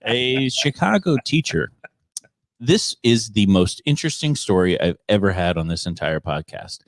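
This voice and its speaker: A man hosting a podcast, telling stories in a casual, joking way with halting restarts. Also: fairly low pitch, big pitch swings, no echo. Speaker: podcast host. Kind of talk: casual comedic podcast banter and storytelling.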